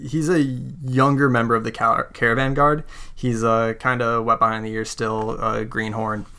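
A man's voice: mid-range voice, level tone, normal speed, sharp tone, smooth. A man hosting a podcast as game master, narrating in a casual, conversational way.

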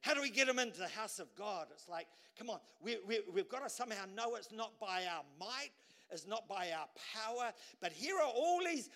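A male pastor preaches briskly and with animation to his church congregation. He swings between loud bursts and low asides, repeating words as he drives a point home.

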